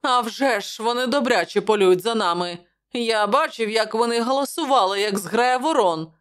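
A woman voicing a tall, suspicious male gatekeeper who talks in a rough, excited way. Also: on the high side, normal speed, voice pushed up, natural voice. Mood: gruff chatter.

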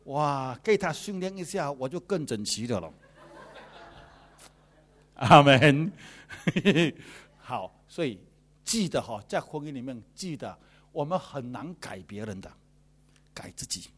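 Animated pastor preaching. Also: male voice, medium pitch, slow, long pauses. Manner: lively, joking and preaching to a congregation. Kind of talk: sermon.

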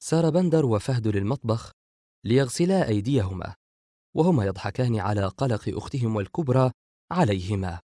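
Guy narrating an audiobook novel, steady, no room sound. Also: mid-range voice, fairly quick, no echo, studio quality. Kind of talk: scripted narration.

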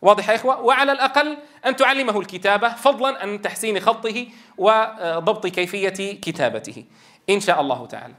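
A man's voice: high-pitched, lively intonation, quick pace, fairly bright tone. A man, a Quran teacher trainer, explaining step by step and asking the class rhetorical questions. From Levant. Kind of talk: lecture.

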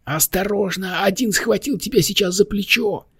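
A man voicing a small, mischievous male demon who talks in a high, squeaky, excitable way in an audiobook. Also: normal speed, breathy edge, no echo, clean studio sound, full character voice. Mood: excited.

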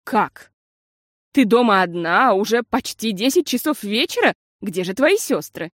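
A fussy middle-aged aunt from a children's story, loud and quick to be shocked, as a woman reads her. Her voice swings widely and sounds close and dry. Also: medium pitch, very animated, no echo. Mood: alarmed scolding. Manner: loud, scolding exclamations.

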